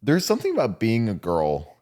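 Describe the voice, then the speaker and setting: A man's voice: fairly low pitch, huge pitch swings, a little fast, dark tone. A young man co-hosting a podcast in casual chat, teasing and laughing often. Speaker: podcast co-host.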